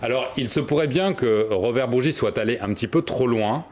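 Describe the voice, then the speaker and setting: A man's voice: mid-range voice, fairly quick, darkish tone. A man giving news analysis as a studio journalist, hesitating and repeating words as he explains.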